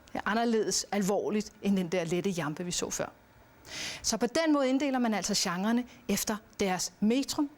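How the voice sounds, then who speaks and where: Woman, teacher, measured explainer, chants rhythms, slightly high voice. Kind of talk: educational lecture.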